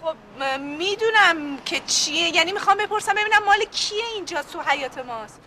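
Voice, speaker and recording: An actress playing a skeptical grown daughter who questions the caretaker in a sitcom. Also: female voice, very high-pitched, animated, bright, forceful tone, a little hiss or hum, exaggerated voice. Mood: incredulous. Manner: questioning, incredulous. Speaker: daughter of the house. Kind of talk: sitcom acting.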